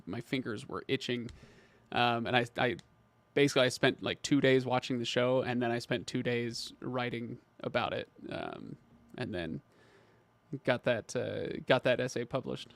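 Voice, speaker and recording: A man's voice: mid-range voice, moderate pace, vocal fry, fairly bright tone. A man hosting a casual livestream chat, talking in hesitant bursts with many restarts and reading out viewer comments. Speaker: livestream host.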